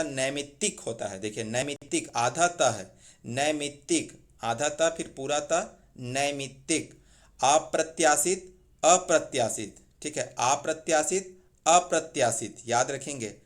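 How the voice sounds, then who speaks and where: A male teacher runs an exam-prep spelling lesson at a middle pitch. He drills each word slowly, saying the wrong form and then the right one again and again. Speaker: Hindi teacher.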